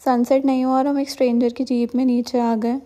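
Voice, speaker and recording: A woman's voice: high voice, flat delivery, brisk, background noise. A young woman narrating a travel vlog in voice-over, telling the story in a dry, wry way. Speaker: vlogger.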